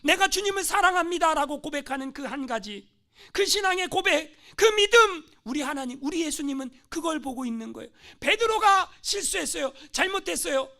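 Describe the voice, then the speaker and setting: A male pastor preaching a sermon, moving between hushed storytelling and fervent, rising exhortation. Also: very high voice, animated, moderate pace, vocal fry. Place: church sanctuary.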